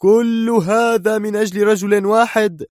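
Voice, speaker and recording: A stern, indignant security chief, as a male narrator puts him on in an audiobook scene, his voice pushed up high and strained. The sound is dry and close, with no room in it. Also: expressive, brisk, darkish tone, no room sound, close to an everyday voice.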